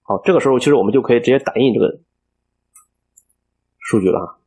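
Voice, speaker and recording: A man teaching a coding tutorial over a screen recording, explaining each step aloud and filling pauses as he thinks. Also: mid-range voice, darkish tone, husky. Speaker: programming instructor.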